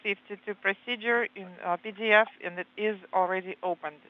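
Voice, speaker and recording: A woman's voice: mid-range voice, steady tone. Woman on a space comms link, interpreting in choppy procedural bits, thin phone-like radio sound. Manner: procedural space-communicator delivery in short, halting phrases. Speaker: simultaneous interpreter.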